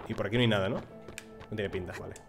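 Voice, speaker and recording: A man's voice: lowish voice, fairly even intonation, quick pace, gravelly, a bit bright, soft background music. A man from streaming a video game, chatting casually with his viewers and reading the game's text aloud. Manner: casual, chatty, talks to chat and reads dialogue. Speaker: gaming streamer.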